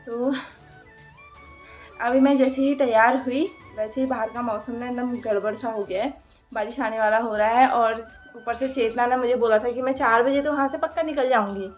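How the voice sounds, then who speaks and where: A woman's voice: on the high side, fairly even intonation, normal speed, lo-fi sound, faint music behind. Chatty young woman vlogging at home. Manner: chatty, talks to her toddler in between. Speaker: vlogger and mother. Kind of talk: casual daily vlog chat. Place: indoors in a rented room.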